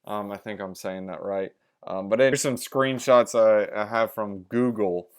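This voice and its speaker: A young man with a clear, smooth voice hosts a casual crypto review vlog. He talks like a crypto bro, pitching to his viewers with informal slang and hype. His explanations are loose and chatty. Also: unhurried. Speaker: crypto channel host.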